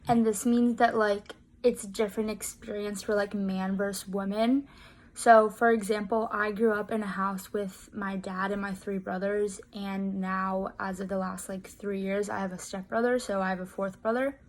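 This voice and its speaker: A nineteen-year-old student casually presents a class project, rambling and leaning heavily on "like" and other fillers. Her voice is medium-pitched with a flat delivery at a moderate pace.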